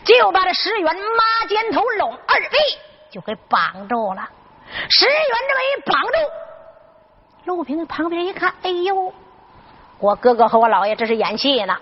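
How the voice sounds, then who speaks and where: A woman narrating a traditional Henan zhuizi folk story in a lively spoken-sung manner. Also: extremely high pitch, normal speed. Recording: dull lo-fi recording.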